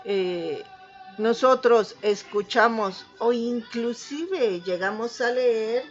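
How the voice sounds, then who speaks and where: A woman's voice: a little high, takes it slowly, dull audio, soft background music. A woman teacher with a Mexican accent giving an online class lecture, patiently checking understanding as she goes. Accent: Mexican Spanish.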